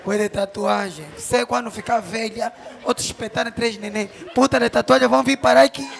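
A male comedian, doing a crude, mocking stand-up roast that switches between shouting and sing-song teasing. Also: very high-pitched, steady tone, fairly quick, creaky.

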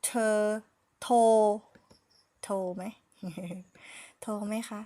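A woman with a Thai accent teaching English phonics in a relaxed lesson, slowly sounding out words syllable by syllable and laughing at her own slips.

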